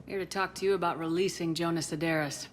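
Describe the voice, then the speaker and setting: An actress playing a composed, firm military space commander in a video game, terse and probing. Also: female voice, fairly low pitch, steady tone, fast talker, lightly acted. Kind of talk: dramatic video game dialogue. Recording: music behind the voice.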